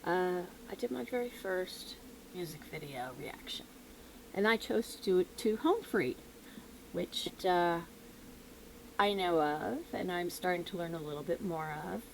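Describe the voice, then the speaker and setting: A woman's voice: lowish voice, creaky, slight background noise, rough recording. A woman with a Southern US twang, a music reaction YouTuber chatting casually and playfully teasing her viewers.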